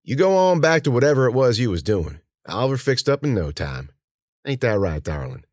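A man's voice: mid-range voice, big pitch swings, brisk, darkish tone, no echo, clean studio sound, pitched above the performer's own voice. A man voicing a sleazy, smarmy older farmhand who drawls and calls a girl honey.

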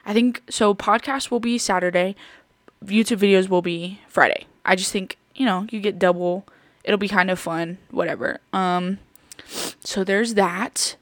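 A woman's voice: mid-range voice, fairly even intonation, measured pace, no room sound. Chatty young woman hosting a podcast. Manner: chatty, rambling, lots of fillers and giggles. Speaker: podcast host. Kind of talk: casual chat.

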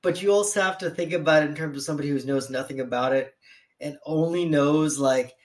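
A man's voice: on the high side, brisk. A man co-hosting a podcast in casual chat, teasing with laughing disbelief. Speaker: podcast co-host.

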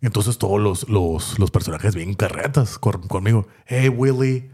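A man's voice: low voice, moderate pace, breathy edge. A man, co-hosting a podcast and telling a funny story in casual chat. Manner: animated, laughing anecdote-telling with voiced impressions. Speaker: podcast co-host.

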